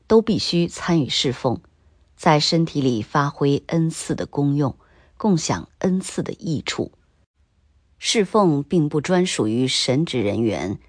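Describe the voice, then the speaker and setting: A woman reading a scripted Bible commentary in a slow, measured, even way. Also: sits low, breathy edge, no echo, clean studio sound.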